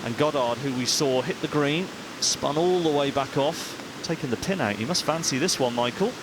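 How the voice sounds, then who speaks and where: A man giving golf commentary as an expert former player, measured and sympathetic as he analyses each shot. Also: a little high, background noise.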